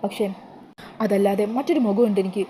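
A woman's voice: medium pitch, brisk, mellow, a little hiss or hum, close to an everyday voice. A woman reading as a menacing young groom. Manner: threatening, taunting. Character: menacing young man, a groom threatening his bride.

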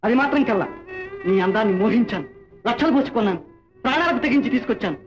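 A man's voice: very high-pitched, animated, rapid-fire, highs cut off, music in the background. An actor playing a rich, boastful male chieftain who insists on keeping the girl he bought, in old film dialogue. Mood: possessive.

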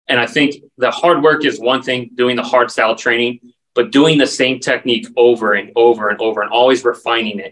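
His medium-pitched voice is a bit bright. In his forties and teaching martial arts, he's a video call interview guest explaining his training earnestly and going through terms one after another, positioned back from the camera in a dim room, which makes the audio distant.

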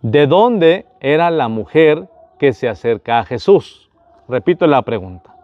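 A man's voice: mid-range voice, very animated, measured pace, phone-quality sound. A man, a priest, running a Bible quiz for his viewers, asking each question, repeating it, and speaking to them directly.

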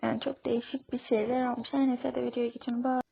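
Teen girl vlogger, rambling and cross, flat high voice. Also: racing, creaky, slight background noise. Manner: irritable, rambling. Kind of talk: casual vlog intro. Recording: tinny phone-like sound.

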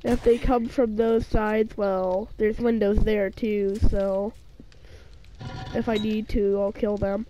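Sick and sounding off, this woman hosts a gaming channel and rambles over her survival game in casual let's-play style, stumbling through fillers and restarts. Her medium-pitched, dark voice moves slowly with little variation, and the poor audio carries a faint hiss or hum.

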